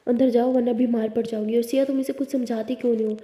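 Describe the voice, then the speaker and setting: A woman's voice: on the high side, level tone, quick pace, mellow, natural voice. A woman voicing a stern, worried middle-aged father who firmly scolds his daughter. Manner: scolding, firm. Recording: echoey room with long reverb.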